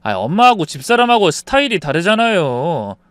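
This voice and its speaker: A man's voice: high voice, big pitch swings, moderate pace, a bit bright, clear, resonant tone, dry recording. A man doing a whiny dismissive grown son. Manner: whiny, starts lines with a sighing "ah". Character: dismissive adult son, sides with his wife.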